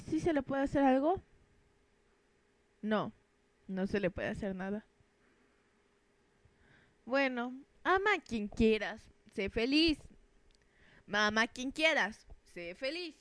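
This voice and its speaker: A woman's voice: sits high, lively intonation, slow pace, long pauses, a bit bright, no echo. A young woman, joking and rambling in a self-mocking, crude way while commenting on a game. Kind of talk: casual gameplay commentary.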